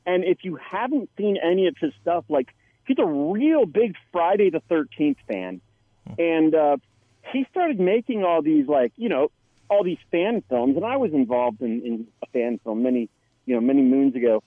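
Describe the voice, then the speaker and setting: A man who is an actor, chatting as a guest and telling stories with lively quoted lines. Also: a little high, normal speed, no room sound. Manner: animated storyteller, quotes others. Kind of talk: casual interview chat. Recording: dry tinny phone-like line.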